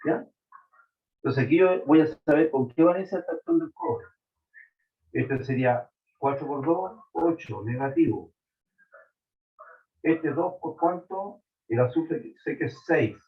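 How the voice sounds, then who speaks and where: A man's voice: medium pitch, lively intonation, normal speed, husky. A man teaching a chemistry class online, explaining step by step and checking in with his students. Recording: tinny phone-like line.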